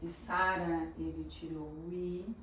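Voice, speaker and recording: A woman slowly explaining Hebrew names, checking in with her listeners as she teaches. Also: lowish voice, little pitch movement, fairly bright tone, recorded from a distance, a little hiss or hum. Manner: slow, explanatory, often checks in with "tá?". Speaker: religious teacher. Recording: echoey room, voice a bit off-mic.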